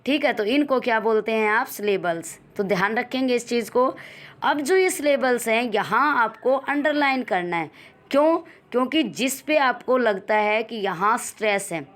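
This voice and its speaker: A woman's voice: a little high, lively intonation, moderate pace. A young woman teacher with an Indian English accent explaining an English textbook exercise, drilling the class with repeated questions and calling her students beta.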